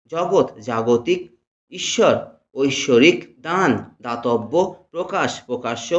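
A man teaching a grammar lesson on a channel, steadily reciting long lists of word pairs to his students. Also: mid-range voice. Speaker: grammar tutor. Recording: echoey room, dull lo-fi sound.

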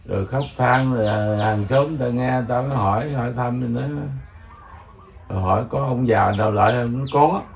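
An older man with a Southern Vietnamese accent spins a folk tale in a rambling, lively way, laughing as he goes. His voice sits at an ordinary middle pitch, with faint noise behind him. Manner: rambling, animated folk storytelling with chuckles. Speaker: elder storyteller. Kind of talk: casual storytelling.

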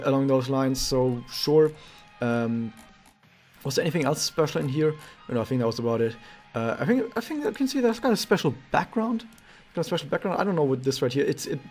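A man's voice: fairly high pitch, a little mellow. A man hosting a casual gaming news vlog, rambling with frequent restarts as he talks viewers through an in-game event. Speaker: gaming news channel host. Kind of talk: casual gameplay commentary vlog.

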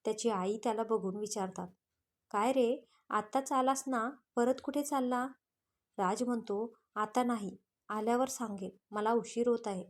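Female storyteller, fairly high voice, steady scripted narration with dialogue read plainly. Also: normal speed. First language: Marathi. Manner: reads all characters' lines in her own voice.

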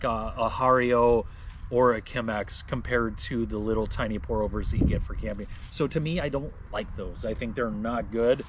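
Man, casual gear vlogger, mid-pitched and easygoing, thinks aloud, faint noise behind. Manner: relaxed, chatty, thinks aloud. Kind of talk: casual product demo.

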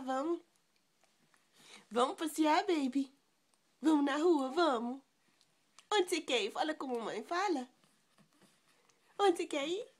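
A woman's voice: high-pitched, a little mellow. A young woman cooing in sing-song baby talk to her little one, coaxing and affectionate. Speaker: pet owner or mother talking to her baby.

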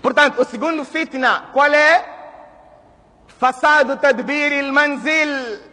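High bright-voiced preacher in a hall. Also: male voice, slow pace. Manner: impassioned, swings from loud exhortation to hushed storytelling, recites Arabic verses. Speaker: Friday sermon preacher. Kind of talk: Friday mosque sermon. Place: mosque hall. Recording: reverberant mosque hall.

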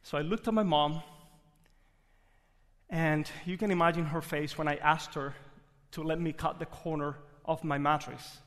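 A man's voice: fairly high pitch, fairly even intonation, normal speed, a bit bright. A man with a Cuban Spanish accent telling a personal story live on stage, earnest and reflective. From Cuba. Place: theater stage. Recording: live theater hall reverb.

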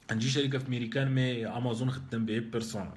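A man with a Moroccan Arabic accent talks at a racing clip in a mid-range voice during a casual live Q&A. He speaks emphatically, circling back over his words and restarting phrases as he answers viewers. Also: mid-range voice. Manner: rapid, repetitive and emphatic, often restarting phrases. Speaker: live stream host answering viewer questions.

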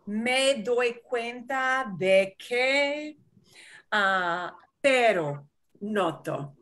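A woman's voice: on the high side, animated, drawn-out words, fairly bright tone. A woman from Michigan teaching Spanish in an online class, patiently explaining and switching into English to clarify. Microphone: video call.

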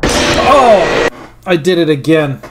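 A man's voice: a little high, very animated, slow. A middle-aged man reacting live to a horror game as a panicking gamer, exclaiming and repeating himself. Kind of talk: live gameplay reaction commentary. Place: small home room, indoors. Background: game music.

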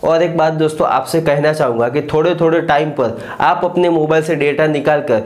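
A man in his thirties explains phone care straight to camera in an earnest, scripted way and keeps calling his viewers friends. His voice sits a little higher than most men's. It sounds close and clean, as if from a lapel mic in a small room. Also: fairly quick. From India. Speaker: tech YouTuber host. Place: small living room set, indoors.

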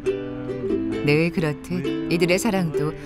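A woman narrating a documentary in a measured, expressive way. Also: deep voice. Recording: narration over background music.

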